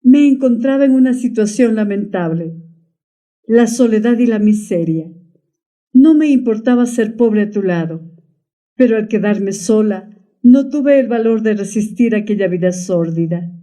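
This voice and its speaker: A woman's voice: mid-range voice, expressive, measured pace, mellow, close to an everyday voice. A woman voicing a desperate young wife who pleads emotionally for understanding. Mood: pleading.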